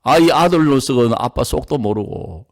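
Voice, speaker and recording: Animated middle-aged pastor. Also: male voice, medium pitch, normal speed. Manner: animated storyteller, acts out the people in his story. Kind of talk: storytelling sermon talk.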